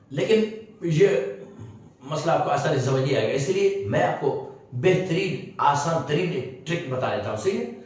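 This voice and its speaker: A man's voice: medium pitch, a little mellow. Man teaching in an echoey room. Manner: explains slowly, repeating points and checking with 'right?'. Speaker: English teacher. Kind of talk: video lesson. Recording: echoey room, distant mic.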